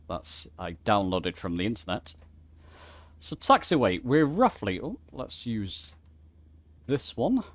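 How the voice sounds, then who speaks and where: A man with a mid-range voice runs a casual flight simulator tutorial, chatting informally over his screen share while thinking aloud and correcting himself. The recording is dry.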